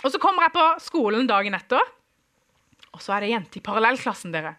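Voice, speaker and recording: A young man giving a humorous personal testimony to an audience, acting out dialogue and chuckling often. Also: sits high. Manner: animated, acts out quoted dialogue, chuckles often.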